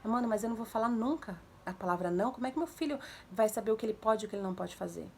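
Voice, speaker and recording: A young woman casually giving parenting advice to viewers, animated, acting out commands in a raised voice. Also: a little high, racing, vocal fry, slight background noise. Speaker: mother sharing parenting tips.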